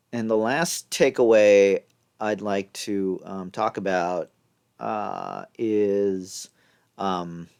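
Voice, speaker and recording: Low-voiced man, halting casual vlog narration. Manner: halting, thinking aloud in pieces. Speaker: vlogger. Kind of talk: casual narrated session recap.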